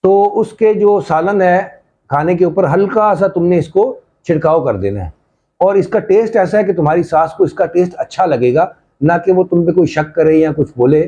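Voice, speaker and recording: A man voicing a scheming middle-aged mother who gives slow, patient advice, recorded on slightly dull lo-fi audio. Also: sits high, animated, mellow. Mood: scheming, instructive.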